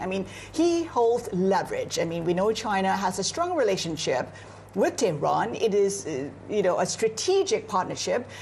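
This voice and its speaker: Reporting from Beijing, this female news anchor from Singapore talks through global events in a live broadcast discussion, her analytical delivery fluent but full of "you know" fillers. The pitch is medium and the tone somewhat dark. A bit of hiss or hum sits under the audio.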